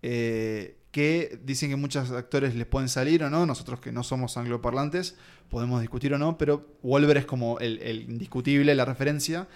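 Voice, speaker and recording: A man's voice: mid-range voice, steady tone, moderate pace, darkish tone. A man hosting a casual film discussion, steering the talk and rambling through his thoughts. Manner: leads the talk, rambling with fillers.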